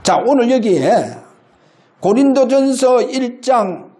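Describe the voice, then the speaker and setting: A male pastor preaching an impassioned sermon in a church, shifting between loud and low. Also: animated, slow pace. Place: church sanctuary.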